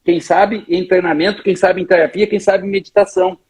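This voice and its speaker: Husky, high-voiced man from Brazil. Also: level tone, a little fast, a little mellow. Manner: emphatic, tells stories, often addresses the other speaker by name. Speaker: interviewee speaking on emotions. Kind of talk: animated conversational explanation.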